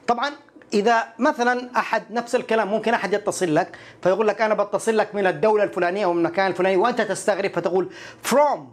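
A man teaching English in an online lesson, explaining patiently and repeating short English phrases slowly while talking straight to the viewer. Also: high-pitched, steady tone. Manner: addresses the viewer directly.

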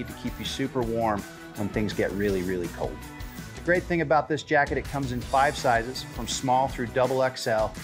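A middle-aged man, a ski shop salesman, giving a steady, friendly product demonstration of a jacket. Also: medium pitch.

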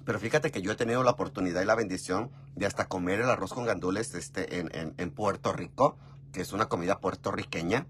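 A man with a Mexican Spanish accent tells a story in a chatty, gossipy way, often calling the listener "mi amor". His voice sits fairly low but leaps up in pitch and loudness as he gets excited. A faint hum runs underneath. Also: fast. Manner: expressive, with big jumps in pitch and volume. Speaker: vlogger. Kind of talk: casual storytelling chat.

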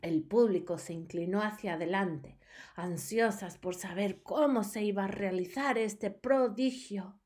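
A woman teacher reading a storybook aloud to her students, slow and expressive. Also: medium pitch.

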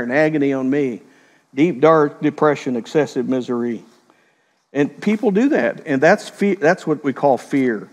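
Middle-aged male pastor, reverberant sanctuary. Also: mid-range voice. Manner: conversational storytelling with quick voiced quotes. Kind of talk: sermon.

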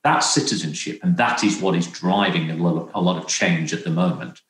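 A middle-aged man talks on a video-call panel from a room at home. His voice sits a little low, and the room adds a clear echo. He speaks earnestly and stresses his points by repeating them. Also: brisk, a bit bright. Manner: earnest, emphatic, repeats key phrases. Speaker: panelist, consumer goods executive. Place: home room with stone wall. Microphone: video call webcam. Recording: echoey room on a webcam.

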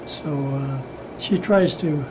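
Very old man, 90s, slightly high voice, halting conversational interviewee, noticeable background hum. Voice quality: very old man's voice. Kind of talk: casual interview. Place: indoors, small room.

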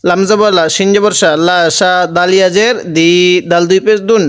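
A man's voice: high-pitched, fairly even intonation, a little fast, clear, resonant tone. A man teaching Quran reading, spelling out Arabic letters one by one and then chanting the words drawn out. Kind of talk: slow spelling-out recitation lesson. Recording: long hall reverb.

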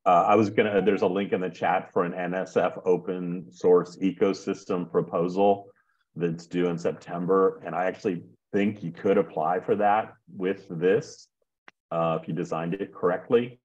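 A man speaking on a meeting call, halting and apologetic, his video call audio choppy and muddled. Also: low-pitched, steady tone, darkish tone, highs cut off. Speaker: call participant. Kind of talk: casual meeting discussion.

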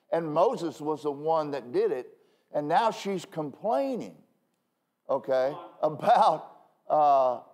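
A man preaching from a church pulpit in a loose, talky style, with a voice pitched a little higher than most men's. He keeps checking in with his listeners and pokes fun at himself along the way. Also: a little mellow. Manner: conversational, self-deprecating asides, frequent "okay?" checks. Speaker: pastor. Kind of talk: sermon.

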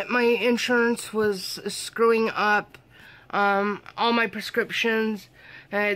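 A woman talks casually to camera from her bedroom late at night. She sounds sleepy and worn out, rambling with lots of ums and slightly slurred words, in a mid-pitched voice. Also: a bit bright. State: sleepy and tired. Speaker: vlogger. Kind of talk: casual vlog chat.

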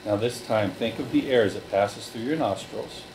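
A man leading a relaxation group through guided breathing, giving slow, calm step-by-step directions. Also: fairly low pitch, noisy background.

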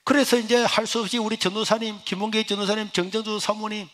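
A middle-aged male pastor, giving an emotional sermon testimony that swings from hushed to loud. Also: high voice, fairly even intonation, quick pace.

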